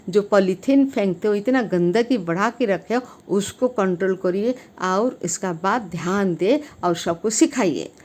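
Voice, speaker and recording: A woman hosting her channel, giving an earnest talk to camera on civic duty. She speaks emphatically, with frequent rises in pitch and loudness, and hesitates with fillers and restarts between phrases.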